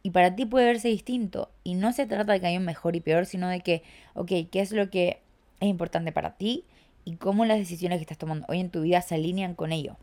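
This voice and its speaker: A woman's voice: on the low side, steady tone, fairly quick, dark tone. A young woman from Chile hosting a podcast, talking casually and reflectively, with lots of filler words. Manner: chatty, reflective, filler-heavy with "como". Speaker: podcast host and coach.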